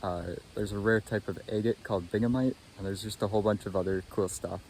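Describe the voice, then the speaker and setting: A young man vlogs while hunting rocks, offering casual, laid-back, plainspoken commentary from a yard and rock field or a parked van. His fairly low, darkish voice moves fast with a steady tone. Shot on a phone at arm's length, the low-quality recording carries some hiss or hum.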